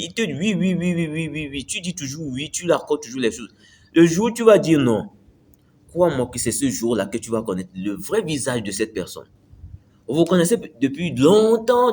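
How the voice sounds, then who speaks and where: Slightly high and a little mellow, this man's voice carries over slight background noise. He's a self-improvement video host giving a casual motivational talk to camera, repeating phrases and checking with "tu me suis" that the listener is following.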